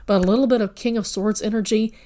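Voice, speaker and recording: A woman talks straight to her viewers while she reads tarot cards. She sounds earnest and a little rambling, and she corrects herself partway through sentences. Her voice sits in a medium pitch range. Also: steady tone, quick pace, mellow. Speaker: tarot reader. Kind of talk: casual spoken tarot reading.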